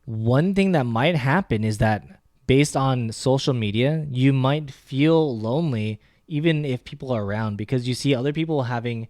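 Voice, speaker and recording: A man's voice: mid-range voice, moderate pace, darkish tone, no echo, studio quality. A young man co-hosting a casual podcast, talking loosely with lots of "like" and the odd joking aside. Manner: loose and chatty, heavy use of "like", joking asides. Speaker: podcast co-host.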